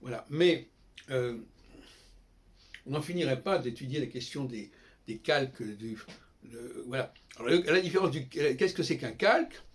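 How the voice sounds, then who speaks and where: A man's voice: mid-range voice, lively intonation, normal speed, long pauses. An older man giving a casual, digressive spoken lecture, often breaking off and restarting his sentences. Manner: digressive, self-interrupting, frequent restarts. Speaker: host.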